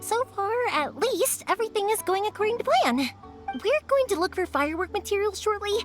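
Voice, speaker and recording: Bubbly young fireworks shop girl, high voice, music in the back. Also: expressive, fairly quick. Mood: chatty. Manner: chatty, bright, patient with her deaf father. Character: spirited young female fireworks shop owner. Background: game music.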